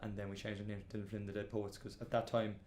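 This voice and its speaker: Fast-talking young Irish man, low flat voice. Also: slight background noise. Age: 20s. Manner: rambling, full of fillers like "kinda" and "like". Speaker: band singer and guitarist. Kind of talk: casual documentary interview.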